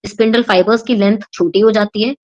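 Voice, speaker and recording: A woman's voice: mid-range voice, fairly even intonation, a little mellow, dull audio. Indian woman teaching biology, checking in often. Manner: explains slowly, checks in with "ठीक है?" and "right?" after each point. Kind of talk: exam-prep lesson, mixing Hindi and English.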